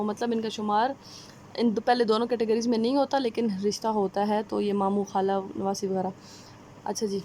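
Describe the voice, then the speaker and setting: A woman with a Pakistani Urdu accent giving a conversational exam-prep lecture, often pausing with fillers and checking-in tags. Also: fairly high pitch, a little mellow, a little hiss or hum. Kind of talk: explanatory lecture.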